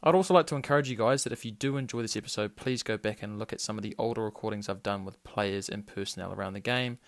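A man's voice: lowish voice, fast, creaky, dry recording. A young man with a New Zealand accent reading a podcast introduction as its host.

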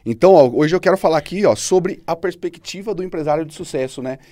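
A man's voice: a little high, fast, mellow, dry recording. A man co-hosting a business podcast, talking casually and dropping frequent tag questions as he tells stories. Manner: conversational, filler-heavy, frequent "né?". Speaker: podcast co-host.

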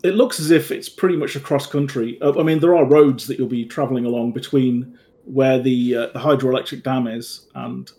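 A man's voice: medium pitch, steady tone, normal speed, few pauses, warm tone. Man running a tabletop game. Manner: reads briefings, then explains loosely with many fillers. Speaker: game master. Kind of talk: narrating a tabletop horror game.

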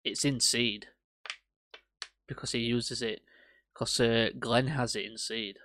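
A man hosts a film podcast in loose, rambling chat, swearing as he goes. His voice sits at an ordinary middle pitch. The sound is dry and close, with no room echo. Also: slow pace. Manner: rambling, swears casually, animated when ranting. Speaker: podcast host. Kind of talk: casual film review chat.

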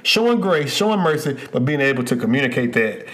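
A man co-hosting a relationship podcast in casual chat, animated and quick to laugh, drifting into playful stories. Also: mid-range voice. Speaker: podcast co-host.

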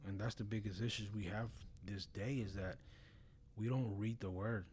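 A man's voice: on the low side, steady tone, moderate pace, a little mellow, slight background noise. Blunt, earnest man in casual faith talk. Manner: blunt, earnest, frequent "bro" and "you know". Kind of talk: casual religious discussion.

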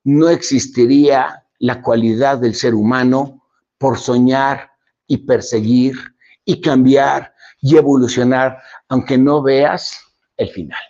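A man giving a motivational speech, dramatic, swinging between loud emphasis and soft, low lines. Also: steady tone, takes it slowly. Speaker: motivational speaker. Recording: dull lo-fi recording.

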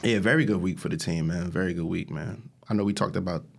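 A man's voice: low-pitched, fast, creaky, slight background noise. A man hosting a podcast, chatting casually with friends in slangy, profane talk and repeating his phrases. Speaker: podcast host. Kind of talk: casual chat among friends.

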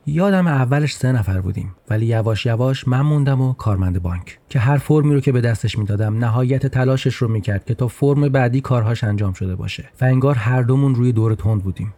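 A man's voice: medium pitch, warm tone. A man narrating a personal story in a podcast with a wry, humorous touch.

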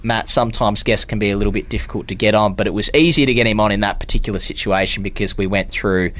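An Australian man co-hosting a podcast, speaking in a measured, appreciative way about his community radio years. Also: on the low side, fairly even intonation, a bit bright. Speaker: podcast co-host, former community radio broadcaster. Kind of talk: casual chat.

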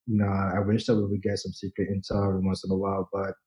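A man in his forties from the Dominican Republic talks shop as a guest on a podcast. His voice sits low and mellow, and he speaks loosely, full of fillers, restarts and the odd curse. The recording sounds a little dull and lo-fi. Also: monotone, rapid-fire. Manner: loose and casual, many fillers and restarts, swears freely. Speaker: photojournalist guest. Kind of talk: casual interview chat.

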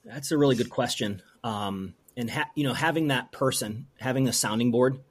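A man from rural Pennsylvania speaks as an interview guest, earnest and halting, often starting his sentences over. His voice sits at an ordinary middle pitch, and the talk feels heartfelt and unpolished. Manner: earnest, halting, with many restarts. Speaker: brewery owner, guest. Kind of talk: emotional interview storytelling.

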